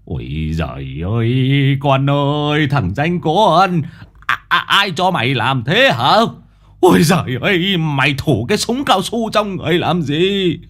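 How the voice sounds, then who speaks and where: A man voicing a fat elderly grandfather who shouts and scolds in a raised voice. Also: on the high side, sing-song, measured pace, voice pushed up. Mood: anguished scolding.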